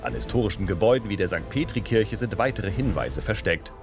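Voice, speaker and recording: A man's voice: on the low side, sing-song, a little fast. A man reading the scripted narration of a TV feature report. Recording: voice-over with music bed.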